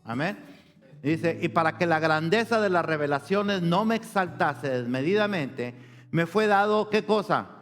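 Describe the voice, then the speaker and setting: A man, a pastor preaching a sermon, asking questions of the congregation, rising high and loud for emphasis and dropping low and quiet. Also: animated, moderate pace. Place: church sanctuary. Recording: long church reverb with soft guitar.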